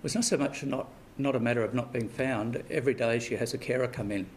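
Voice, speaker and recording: A man interviewed for a news story, speaking haltingly with fillers and restarts. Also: medium pitch, slight background noise.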